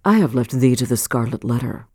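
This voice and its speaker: A woman reading aloud and voicing a bitter, vengeful old man in a low, slow, menacing way. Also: lively intonation, darkish tone, no echo, studio quality, full character voice.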